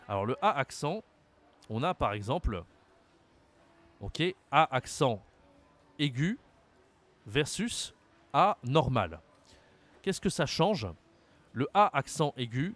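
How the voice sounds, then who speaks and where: A man from France teaching a French lesson to learners, pronouncing words slowly and carefully and repeating the sounds. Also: medium pitch. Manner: slow, exaggerated pronunciation, repeating sounds for learners. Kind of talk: online language lesson.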